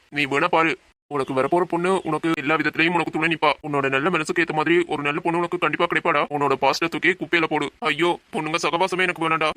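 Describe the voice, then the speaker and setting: A man's voice: on the high side, bright, forceful tone, no echo. A man voicing a brave, protective young man in an audio drama, talking firmly and reassuringly. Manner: firm, reassuring, lecturing.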